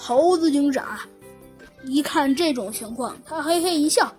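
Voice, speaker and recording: A woman narrating a children's story in a lively, exclamatory way. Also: sits high, a little slow, soft background music.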